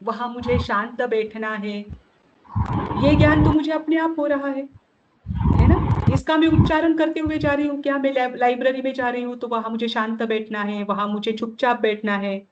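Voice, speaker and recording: एक महिला शिक्षिका वीडियो कॉल पर ऑनलाइन कक्षा में सूत्र क़दम-दर-क़दम समझाती है और बार-बार "है ना?" पूछती है।. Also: female voice, fairly high pitch, fairly even intonation, normal speed. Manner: explains step by step, often asks "है ना?". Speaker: teacher of Jain logic. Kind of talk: online class lecture. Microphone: video call. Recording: dull lo-fi audio with loud noise.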